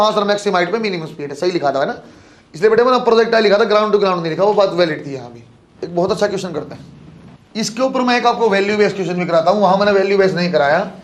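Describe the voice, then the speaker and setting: Male physics teacher with a high-pitched voice, lecturing a class, fond terms for students, poses his own questions. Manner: addresses students as beta and bachhon, asks and answers his own questions.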